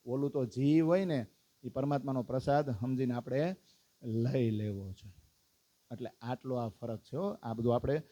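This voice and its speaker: A man's voice: medium pitch, moderate pace. A man leading a devotional lesson, calling out lists and prompting the congregation to recite along. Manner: lively, calls out lists and prompts the audience to recite. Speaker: religious teacher.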